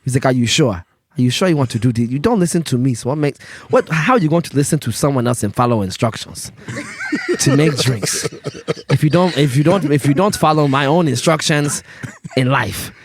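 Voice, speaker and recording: A Memphis, Tennessee man in his 30s, a guest bartender, tells his life story on a loose podcast, laid-back and slangy with lots of fillers. His medium-pitched voice is expressive and fairly quick.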